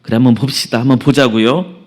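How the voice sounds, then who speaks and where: A man's voice: medium pitch, fairly even intonation, fast, a little mellow, lightly acted. A man voicing an indignant male prophet who complains with exasperation. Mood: defiant.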